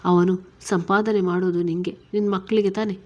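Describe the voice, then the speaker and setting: A woman reading a story, voicing a caring middle-aged mother-in-law who gently reassures her daughter-in-law. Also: mid-range voice, level tone, normal speed, natural voice. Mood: reassuring.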